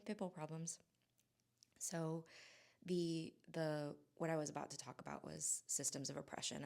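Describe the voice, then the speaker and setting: Musing to her camera at home in Southern California, a Hawaiian-born vlogger in her forties speaks in a very low, slightly mellow voice with vocal fry. It's a casual, reflective monologue, halting and wandering, packed with fillers and restarts.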